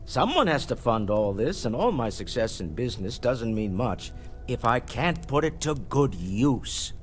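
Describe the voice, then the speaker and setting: A man's voice: medium pitch, big pitch swings, a little slow, soft background music. A man playing a wealthy older businessman in a video game, urbane, proud and wry. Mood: self-assured. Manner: urbane, self-assured, wryly conversational. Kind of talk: scripted video game dialogue.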